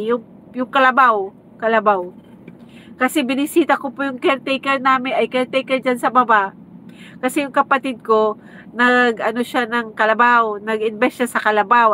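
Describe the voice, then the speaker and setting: A woman's voice: on the high side, pushed and bright, a little hiss or hum, poor audio. A woman from the Philippines chatting casually on a livestream, mixing Tagalog and English and thanking viewers by name. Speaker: livestream host. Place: home with aircon running.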